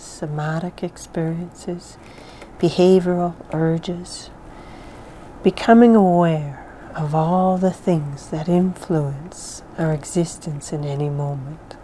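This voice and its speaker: A woman leading a guided meditation in a soft, calm, soothing voice, with phrases often trailing off into breathiness. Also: fairly low pitch, a little hiss or hum, rough recording. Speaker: mindfulness exercise guide.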